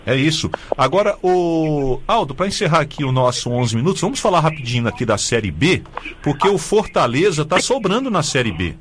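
A man with a Brazilian Portuguese accent hosting a radio sports show, briskly running through results and standings. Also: a little high, big pitch swings, slight background noise. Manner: brisk, reads scores and standings.

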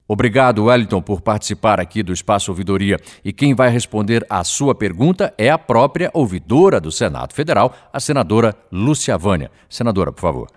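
A man hosting a radio program, presenting callers and reading out a phone number in a measured announcer delivery. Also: on the low side, animated.

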